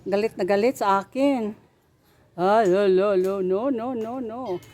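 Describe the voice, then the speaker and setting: A woman's voice: medium pitch, a little slow, warm tone. A woman vlogging as a tour guide, chatting casually and greeting the animals as she walks around an outdoor resort. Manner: chatty, talks to the animals, mixes in English. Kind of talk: casual walking vlog.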